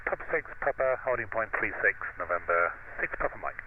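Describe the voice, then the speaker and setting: A male pilot talking calmly through a cockpit headset, giving radio readbacks and narrating the flight. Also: lowish voice, fairly quick. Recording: muffled headset audio with faint cabin hum.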